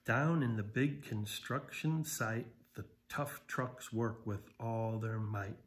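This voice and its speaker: A middle-aged American man with a lowish voice reads a picture book slowly and expressively. He volunteers as a story reader and offers easy explanations to young children while sitting on a sofa in a small living room.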